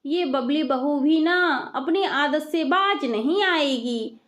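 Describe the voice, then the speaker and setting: A woman's voice: high voice, slow, fairly bright tone. Woman doing a nagging old mother-in-law. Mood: scolding. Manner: scolding, exasperated. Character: scolding older mother-in-law, nagging, quick-tempered.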